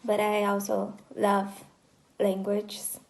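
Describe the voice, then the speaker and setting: A woman's voice: mid-range voice, monotone, slow, gravelly. A woman in her early twenties from Brazil with a Brazilian Portuguese accent, introducing herself in a hesitant, casual vlog. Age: 20s. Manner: hesitant, with fillers and restarts. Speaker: vlogger.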